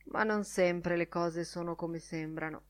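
A woman reading an audiobook, voicing a quiet male lawyer who speaks in a thoughtful murmur. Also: sits high, slow pace, full character voice. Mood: pensive.

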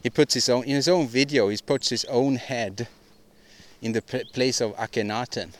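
A man's voice: mid-range voice, normal speed. Male podcast host, solo monologue; rambling, opinionated, frequent restarts and repeats. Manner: opinionated, ranting delivery.

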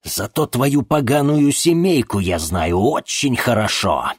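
A man voicing a strict, angry middle-aged father who scolds loudly in an audiobook. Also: medium pitch, very animated, moderate pace, dry recording, studio quality, voice pushed up. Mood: furious. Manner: loud, growling and scolding. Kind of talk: audiobook character voice.

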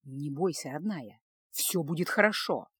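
A woman voicing a loving middle-aged husband, speaking low, soft and coaxing in an audiobook. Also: expressive, measured pace, husky, no echo, exaggerated voice. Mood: tender. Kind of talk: audiobook character voice.

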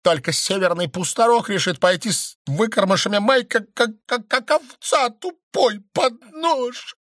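A fierce, foul-mouthed young sorceress with a high, shrill voice, hissing and spitting curses in clipped, broken phrasing, as a male audiobook reader puts her on. The sound is dry and close. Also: expressive, a little slow, fairly bright tone, dry recording. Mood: furious cursing. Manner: hissing, cursing, clipped broken word order.

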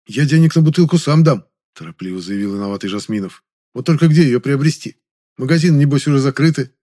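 A fussy, theatrical actor hurries to make amends, eager and a little sly, as a man reading the story puts him on. His lines ring high and bright over the narrator's plain reading. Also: quick pace, close to an everyday voice.

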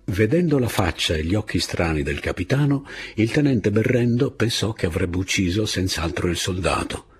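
A man narrates a novel in a very deep voice with a wide, lively melody. His delivery is expressive and dramatic. His tone is rough and textured rather than smooth. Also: moderate pace. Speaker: audiobook narrator. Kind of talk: scripted literary narration.

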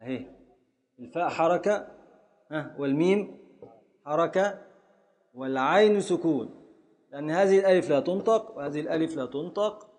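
Egyptian teacher, echoing hall. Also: male voice, a little high, normal speed, pauses often, darkish tone. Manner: patient, calls on students, repeats and scans aloud. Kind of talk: classroom lesson on Arabic prosody and grammar.

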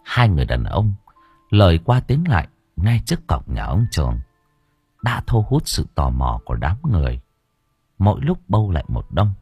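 A man narrating an audiobook story in an expressive, storytelling manner. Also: deep voice, normal speed, slightly rough, no echo, lo-fi sound, faint music behind.

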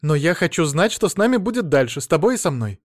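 Brief: man doing a high, excitable young wife, naive and breathless, voice pushed way up. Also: fast, no echo, clean studio sound. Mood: pleading. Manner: high-pitched, excitable, pleading. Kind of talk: audiobook character voice.

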